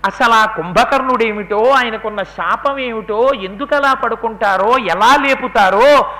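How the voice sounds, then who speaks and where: A man's voice: very high-pitched, measured pace, bright, forceful tone, poor audio. A man giving a devotional sermon, telling a sacred epic dramatically, acting out quotes and moving into chant. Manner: dramatic storyteller, acts out quotes, breaks into chant. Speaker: religious discourse speaker.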